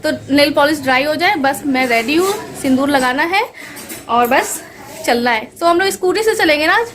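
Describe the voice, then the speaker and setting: High-voiced chatty woman vlogger. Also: lively intonation, normal speed, a bit bright, a little hiss or hum. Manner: chatty, playful with a small child. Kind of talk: casual family vlog.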